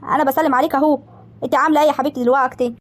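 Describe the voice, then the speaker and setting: A woman performs a brash, plump young village woman from a cartoon comedy, with an Egyptian accent. She teases and complains theatrically, very high, and races through her lines. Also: steady tone, very fast, natural voice. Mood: mock offended. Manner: loud, mocking, theatrical complaining. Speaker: cartoon character. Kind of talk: animated comedy voice acting.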